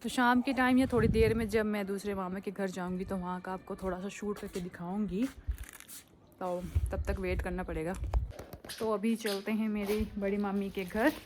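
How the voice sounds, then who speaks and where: A woman talks casually to her viewers while she walks a phone camera through a family home. Her voice sits at a middle pitch. A faint noise runs under the recording. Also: fairly even intonation, moderate pace. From Himachal Pradesh, India. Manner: chatty, walking and showing rooms. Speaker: vlogger. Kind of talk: casual home tour vlog. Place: house and rooftop in a hill village.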